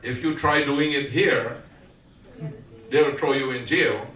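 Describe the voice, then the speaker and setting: Slow, bright-voiced Guyanese man preaching. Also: medium pitch. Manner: slow storytelling with questions to the audience. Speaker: satsang speaker. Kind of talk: devotional sermon. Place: indoor family prayer gathering. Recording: echoey room, distant mic, faint background.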